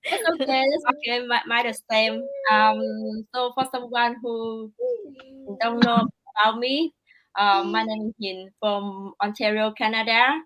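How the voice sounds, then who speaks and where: A woman's voice: a little high, fairly even intonation, measured pace, fairly bright tone. Vietnamese-accented woman hosting a livestream. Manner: hesitant, many fillers, broken English. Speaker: livestream host. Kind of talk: casual livestream chat.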